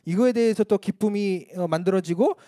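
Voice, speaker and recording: A man's voice: high-pitched, a little fast, warm tone, no echo, clean studio sound. A male missionary preaching a candid testimony sermon at a church service, telling his story in a frank, self-mocking way.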